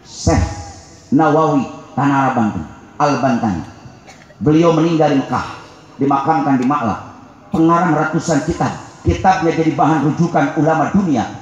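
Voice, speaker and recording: Sundanese preacher shouting in echoey hall. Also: male voice, fairly high pitch, normal speed, dull audio. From Sunda, West Java. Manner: call-and-response, swings from joking to shouted preaching. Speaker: Islamic preacher. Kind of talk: comic sermon to a live crowd. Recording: very echoey live hall with background noise.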